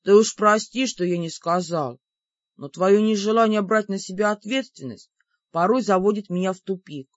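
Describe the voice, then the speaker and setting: A woman voicing a gruff, grumbling male demon in an audiobook. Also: mid-range voice, moderate pace, no echo, close to an everyday voice. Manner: grumbling, reluctant. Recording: dull lo-fi dry recording.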